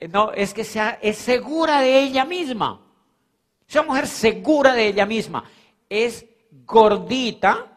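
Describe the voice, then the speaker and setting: A man giving an animated, emphatic motivational talk, repeating phrases and checking in with his audience. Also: high-pitched. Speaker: motivational speaker. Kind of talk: live motivational seminar talk. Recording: long hall reverb.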